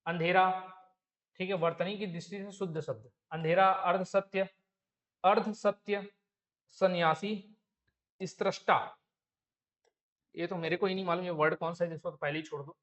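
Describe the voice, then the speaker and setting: A man's voice: high-pitched, steady tone, normal speed, pauses often, a bit bright. A male teacher with a Chhattisgarhi Hindi accent giving an exam-prep lesson, explaining step by step and checking with rhetorical questions.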